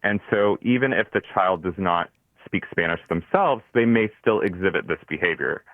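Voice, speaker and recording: A man's voice: deep voice, lively intonation, normal speed, dry recording. A young man giving a thoughtful, conversational explanation on a talk show. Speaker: guest commenter, recent graduate. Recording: dry, narrow phone-like radio sound.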